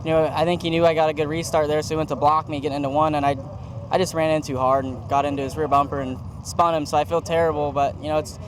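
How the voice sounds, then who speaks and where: A man's voice: a little high, flat delivery, fast talker. A man giving a casual post-race interview as a driver. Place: outdoors at a speedway. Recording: clear outdoor engine noise behind.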